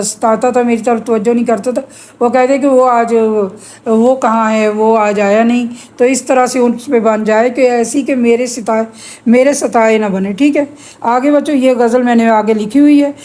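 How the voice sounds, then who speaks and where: A middle-aged woman with a Pakistani Urdu accent teaching a poetry lesson to students, explaining patiently and reciting verses slowly. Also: a little high, dark tone.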